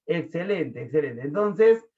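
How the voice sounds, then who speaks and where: A man from Peru with a Lima accent, teaching an online class in a chatty way, quizzing students and filling pauses. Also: fairly high pitch, animated. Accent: Lima Peruvian Spanish. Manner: chatty, asks the class questions, many fillers. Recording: tinny phone-like audio.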